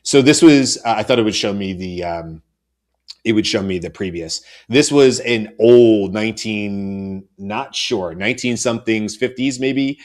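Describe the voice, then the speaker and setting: A man's voice: on the low side, measured pace, darkish tone. A middle-aged man co-hosting a panel show, chatting casually with many fillers and restarts. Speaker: co-host.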